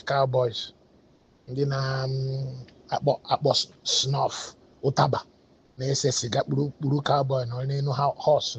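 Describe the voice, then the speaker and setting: With a medium-pitched voice and a Nigerian Igbo accent, a native Igbo speaker offers rambling, casual commentary that hops between Igbo and English, full of hesitant fillers. The dull lo-fi recording carries a little hiss or hum.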